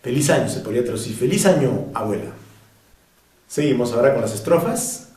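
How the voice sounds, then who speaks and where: A man teaching French pronunciation to Spanish speakers, drilling words slowly and carefully and now and then breaking into a bit of off-key singing. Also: mid-range voice, animated, darkish tone, echoey room, distant mic.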